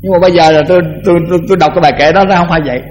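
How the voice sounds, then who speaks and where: An older man, a Buddhist monk, giving a conversational dharma talk that often repeats words and slows down to chant verses. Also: high-pitched, steady tone, darkish tone, a little hiss or hum, low-quality recording.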